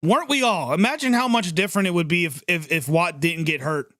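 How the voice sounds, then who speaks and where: A man with a fairly high voice gives live play-by-play reaction commentary, excitable and chatty and quick to react to every play. The sound is dry and close, with no room echo. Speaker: livestream sports reaction host.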